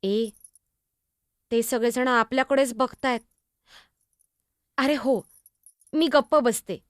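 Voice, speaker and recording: A woman playing a lively, teasing young girl, Muktai, in a chatty, innocent solo stage monologue. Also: on the high side, slow, no room sound, clean studio sound.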